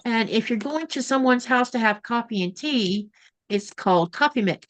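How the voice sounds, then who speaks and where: Reading viewer comments and chatting away, a Florida-born woman co-hosts a relaxed sewing livestream by video call from her Greenland home. Her voice is on the high side and fairly bright, animated, at a moderate pace.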